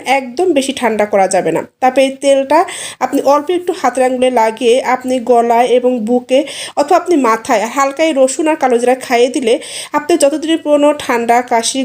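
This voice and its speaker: A woman giving a step-by-step instructional voice-over, steady and explanatory, speaking directly to viewers. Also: sits high. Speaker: home tips vlogger.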